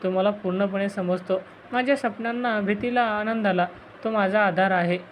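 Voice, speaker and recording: A soft, pleading young woman deeply in love, as a storyteller reads her lines. She speaks at an ordinary middle pitch, anxious and tender in an audio story. A faint hiss sits behind her. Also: steady tone, moderate pace, close to an everyday voice.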